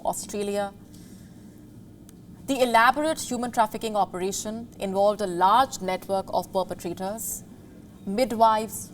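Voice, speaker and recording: A woman presenting a scripted news feature in a dramatic, deliberate storytelling manner, pausing for emphasis. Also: mid-range voice, slight background noise.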